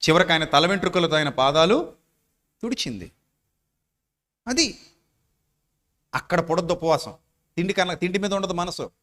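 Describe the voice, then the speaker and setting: A middle-aged man preaching a sermon. He asks rhetorical questions, repeats words and swings between loud and quiet. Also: high voice, animated, moderate pace, pauses often. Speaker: pastor.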